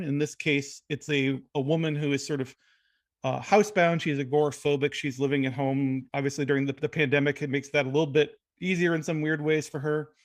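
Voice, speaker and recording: A man co-hosting a film podcast, chatting casually about movies with frequent restarts. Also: fairly high pitch. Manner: conversational, frequent restarts and hedges. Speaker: film critic podcast host.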